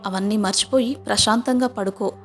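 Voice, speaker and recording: A woman voicing a short-tempered young husband who talks in a gruff, dismissive way. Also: mid-range voice, fairly quick, faint music behind, close to an everyday voice.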